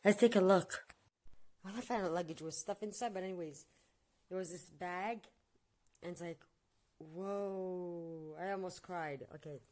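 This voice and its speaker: In a low-ish, darkish voice, a woman in her forties vlogs from home at a measured pace with long pauses. Her casual talk rambles and wanders from one topic to the next.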